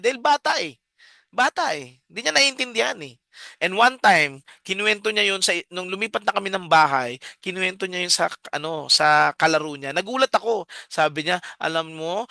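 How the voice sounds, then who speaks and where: Middle-aged Filipino lay preacher, bright and lively storyteller who keeps asking the audience questions. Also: male voice, high voice, creaky, dry recording, clean studio sound. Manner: storytelling, many rhetorical check-ins. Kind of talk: casual preaching talk mixing Tagalog and English.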